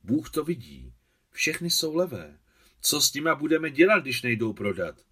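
A man's voice: mid-range voice, pushed and bright. A man reading a novel aloud, voicing a displeased, grumbling old village woman.

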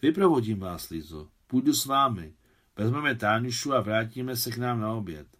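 A man reading aloud and voicing a composed middle-aged woman who speaks with gentle insistence. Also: mid-range voice, lively intonation.

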